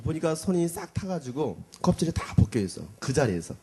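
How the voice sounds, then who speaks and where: A middle-aged South Korean pastor tells a personal story during a sermon, vividly acting out the cries and voices of the people involved. His voice is a little high, brisk, and slightly rough.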